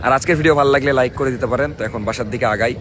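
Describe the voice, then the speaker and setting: Hoarse, fast-talking young Bangladeshi man vlogging. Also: mid-range voice, fairly bright tone, a little hiss or hum. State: hoarse voice from a cold night out. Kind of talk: casual vlog narration and chat. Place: mostly outdoors at night and early morning.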